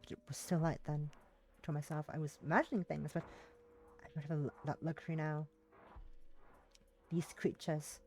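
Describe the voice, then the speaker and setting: Her voice sits low and mellow, with a little hiss or hum in the recording. She's a live streamer playing a game, chatting casually and reading visual novel lines aloud, occasionally stumbling and rereading.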